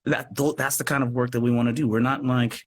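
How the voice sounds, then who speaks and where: At a quick pace, a mid-range male voice with fairly even intonation carries a casual interview over a noisy livestream call. The guest, a radio play producer, is earnest and effusive and keeps looping back over his phrases.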